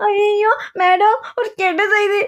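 A woman puts on a high, shrill, frantic servant girl who is close to sobbing, with her voice pushed well above her normal register. She is a tearful, easily alarmed figure in a one-voice storybook drama. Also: flat delivery, slow. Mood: panicked tearful. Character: frantic young female servant, panicky and tearful.

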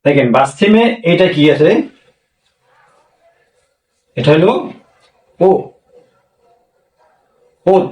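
A man's voice: a little high, expressive, slow, pauses often, darkish tone, far from the mic. Bangladeshi man teaching a lesson in an echoey room. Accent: Bangladeshi Bengali. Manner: patient, explains step by step with many questions to listeners. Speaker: language teacher. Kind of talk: classroom-style language lesson.

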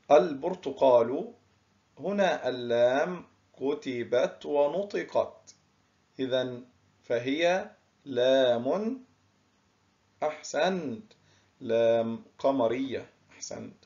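Male teacher, unhurried, drawn-out word stress, mid pitch, muffled lo-fi sound. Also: a little mellow. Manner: slow, drawn-out word stress, praising pupils. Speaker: primary school teacher. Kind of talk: recorded classroom lesson.

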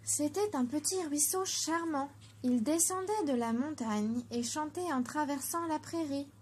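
Female narrator for a children's storybook: high-pitched, clear and gentle, with light background noise. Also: a little slow.

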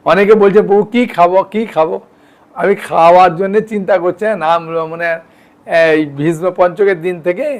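A man gives a relaxed devotional talk in a fairly high voice. He explains practices plainly and keeps asking his listeners if they follow. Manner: conversational, frequent "yes?" and "all right?" checks with listeners. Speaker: devotional teacher. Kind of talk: informal devotional lecture.

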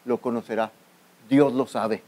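A man's voice: mid-range voice, fairly even intonation, measured pace, warm tone. A man, a pastor, preaching a youth camp sermon, often addressing listeners as brother and calling for their answers. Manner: calls out to the congregation for responses. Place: outdoor youth camp gathering.

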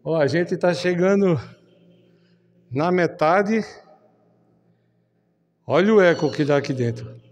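Reporter in an echoing tunnel. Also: male voice, fairly high pitch, animated, slow, pauses often, slight background noise. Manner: chatty, addresses viewers directly. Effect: echo of a concrete tunnel. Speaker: reporter presenting an online channel. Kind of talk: on-location video report. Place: inside a concrete tunnel under a canal.

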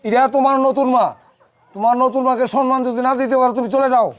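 A man playing a stubborn sixty-year-old father who has remarried, talking gruffly and defiantly in colloquial Bangladeshi Bengali. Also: extremely high pitch, fairly even intonation, fast talker. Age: 60s.

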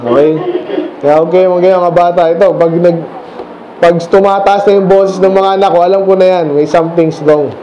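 Man, pastor, sermon, high voice, question-and-answer preaching, slow scripture reading, lo-fi recording. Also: steady tone, mellow, a little hiss or hum. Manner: explains verses by question and answer with the congregation; reads scripture slowly, then talks fast and casually.

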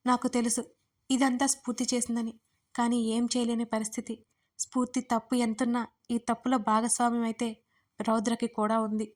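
A woman's voice: on the high side, a little mellow. A woman narrating a romance audiobook in the first person, telling it in a heartfelt, tearful way. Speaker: storyteller and writer.

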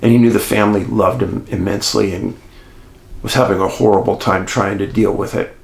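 Guy narrating a missing-person case, low and gravelly, kinda echoey room. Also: fairly quick. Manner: animated, addresses listeners as folks. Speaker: host and storyteller. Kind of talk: true-crime storytelling.

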